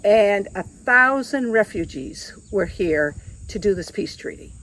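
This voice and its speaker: A woman's voice: medium pitch, expressive, a little slow, a bit bright, rough recording. A woman tour guide outdoors, explaining local history with frequent hesitations. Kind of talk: casual explanation.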